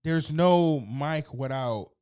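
A man co-hosting a podcast in casual chat, telling stories in a loose, animated, profane way. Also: a little high, slow, clear, resonant tone. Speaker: podcast co-host.

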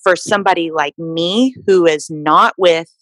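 A woman's voice: on the low side, measured pace, fairly bright tone, dry recording, poor audio. A young woman from Texas, a fitness model guest, talking casually with lots of fillers and restarts. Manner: chatty, many fillers and restarts. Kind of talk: casual interview conversation.

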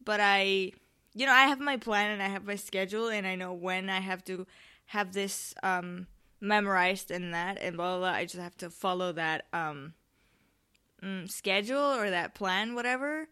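A woman's voice: mid-range voice, moderate pace, bright, forceful tone, smooth. A teenage girl from Spain hosting her podcast, rambling casually with many ums and restarts, a little tired and nervous. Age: late teens. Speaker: podcast host. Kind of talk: casual solo podcast chat.

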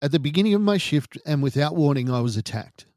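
A middle-aged Australian man hosting a podcast, telling his own story gravely and deliberately, like a true crime narrator. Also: on the high side, lively intonation, darkish tone, no room sound, clean studio sound. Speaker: podcast host.

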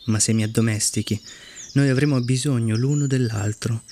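A man voicing a wise, lonely female fox who explains things slowly and earnestly in a storybook reading. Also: mid-range voice, fairly even intonation, mellow, slight background noise, close to an everyday voice.

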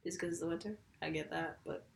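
A woman's voice: on the low side, fairly even intonation, fast talker, creaky, a crowd in the background. A young woman in casual chat, blunt and emphatic, who acts out little quoted lines. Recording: echoey room.

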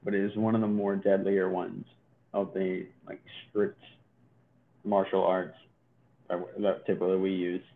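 A lower-voiced man cracks jokes and rambles through a casual podcast chat, often restarting his sentences. His voice comes through thin and tinny, as if over a phone line. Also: little pitch movement, a little slow, creaky, long pauses. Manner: joking, rambling with many restarts. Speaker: podcast co-host.

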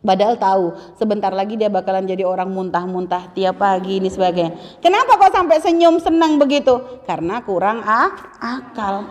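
A middle-aged woman preacher giving a lively, teasing religious talk to women, often acting out the voices she quotes. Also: mid-range voice, fast talker, a little hiss or hum. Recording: long hall reverb.

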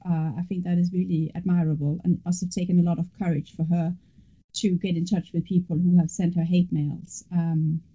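Discussion participant: woman, slightly low, very soft dark timbre, reflective, dull audio. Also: flat delivery, brisk, breathy edge.

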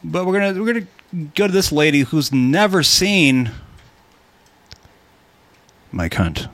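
A man's voice: a little high, very animated, measured pace, a bit bright, no echo. A man co-hosting a casual entertainment podcast, joking and swearing as he rambles through stories with many fillers. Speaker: podcast co-host. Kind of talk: casual chat.

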